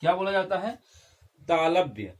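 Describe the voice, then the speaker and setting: Fairly high-voiced male grammar teacher. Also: big pitch swings, a little slow. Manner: keeps checking in with the class, repeats key terms. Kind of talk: classroom-style lesson.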